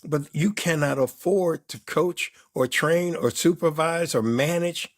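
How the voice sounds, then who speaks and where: Emphatic older man coaching on life. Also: a little slow. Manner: emphatic, repeats words in lists, rising pitch for emphasis. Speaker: performance coach. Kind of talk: reflective interview answer.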